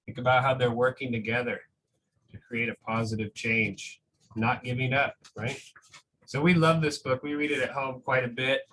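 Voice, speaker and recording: A school reader shares a picture book with families, keeping things conversational and supportive and regularly checking in with "right?" His voice is mid-range and fairly bright, with fairly even intonation and normal speed. The recording is rough and noisy in the background.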